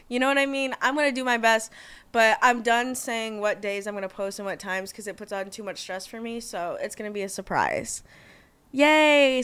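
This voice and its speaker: A woman's voice: on the high side, a bit bright, clean tone, no room sound. A young woman hosting her own podcast in casual chat, bubbly and gushing, swearing freely. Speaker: podcast host.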